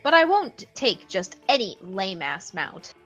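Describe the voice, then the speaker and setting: A woman voicing a brash, crude teenage male demon from a dating game, swaggering and quick to take offense. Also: medium pitch, big pitch swings, a bit bright, soft background music, poor audio.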